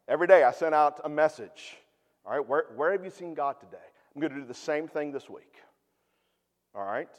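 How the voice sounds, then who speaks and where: A male pastor delivers a sermon in a somewhat high voice, teaching earnestly. He drops to near-hushed tones, then rises to emphatic points. His voice rings with a long reverb, as in a large hall.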